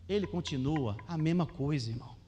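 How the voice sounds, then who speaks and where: A young Brazilian man preaching a sermon as pastor, animated and questioning the congregation. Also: a little high, a little fast. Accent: Brazilian Portuguese. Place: church hall. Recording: long church hall reverb.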